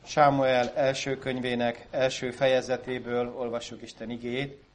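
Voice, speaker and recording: Male scripture reader, church service, steady solemn delivery, mid-range voice. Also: medium pitch. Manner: measured, solemn reading aloud. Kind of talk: Bible reading at a church service.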